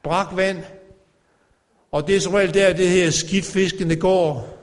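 A man's voice: high voice, steady tone, long reverb tail. A man preaching a sermon to a congregation, fervent and calling out. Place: church.

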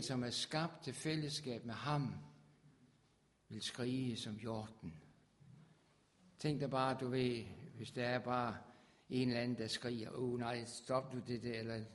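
A man preaching a sermon with fervor, his voice swelling loud on scripture. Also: mid-range voice.

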